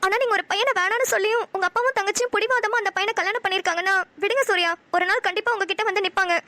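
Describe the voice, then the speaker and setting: A kind young businesswoman in a cartoon, voiced by a woman. She soothes a friend in a very high, bright voice and talks quickly. The sound is dry and close. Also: no room sound. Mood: caring, concerned. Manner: soft, soothing, caring. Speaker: cartoon voice actor. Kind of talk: Tamil cartoon dialogue.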